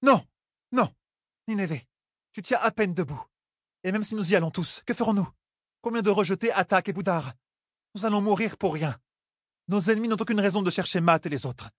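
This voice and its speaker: A man's voice: high-pitched, fairly quick, dry recording, clean studio sound, pitched above the performer's own voice. A man voicing a firm young queen-to-be. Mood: firm commanding. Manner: firm, commanding, raised voice. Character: young woman, a proud determined queen-to-be.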